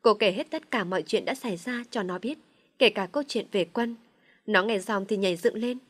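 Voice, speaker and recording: A woman narrates a story aloud, reading at an even, unhurried pace. Her voice sits at an ordinary middle pitch for a woman.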